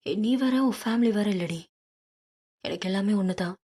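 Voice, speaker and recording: A woman's voice: medium pitch, normal speed, dark tone, husky, lightly acted. A woman voicing a possessive, hot-tempered rich young man in an audiobook, speaking bluntly and insistently. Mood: heated, insistent. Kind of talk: audiobook character reading.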